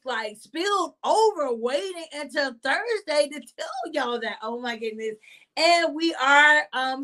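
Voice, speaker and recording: A woman hosting a live stream, giving an animated casual devotional talk and exclaiming often to her listeners. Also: high voice. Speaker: host of a faith live stream.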